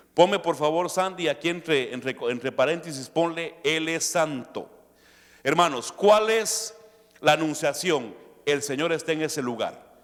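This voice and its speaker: A male pastor preaching a sermon, shifting between quiet asides and loud emphatic peaks. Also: a little high. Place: church hall. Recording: long hall reverb.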